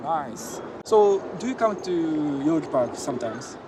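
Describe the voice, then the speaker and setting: Japanese-accented male interviewer, lively pitch, short eager questions, noisy outdoor park. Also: a little slow. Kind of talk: casual street interview.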